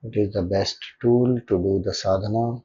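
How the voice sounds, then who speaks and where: Calm and gentle, with deliberate pauses, a man with an Indian accent leads a meditation in the role of spiritual teacher. His voice is lowish and slightly rough, and the highs are cut off.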